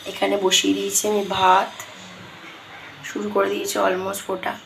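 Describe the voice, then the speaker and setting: A hoarse woman, chatting through her day at home as she cooks. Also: medium pitch, monotone, normal speed, a little hiss or hum, low-quality recording. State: hoarse, straining to speak. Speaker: vlogger. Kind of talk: casual daily vlog narration. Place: home kitchen.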